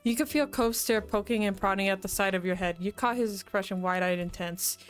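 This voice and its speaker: A woman's voice: medium pitch, brisk, smooth, soft background music. A woman streamer reading a visual novel aloud with commentary, giggling often between lines.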